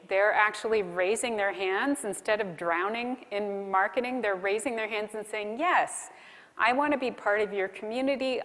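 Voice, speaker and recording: A woman delivers a prepared keynote on marketing to a live audience, her mid-pitched voice carrying through a big, reverberant hall. She explains her points deliberately, setting off key phrases with emphatic pauses.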